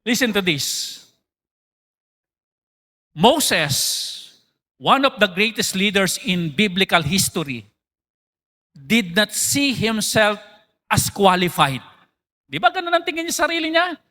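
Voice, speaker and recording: A man's voice: slow pace, pauses often. A Filipino man preaching a sermon as pastor, switching between Tagalog and English and asking the congregation questions. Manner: animated, jumps in pitch for emphasis.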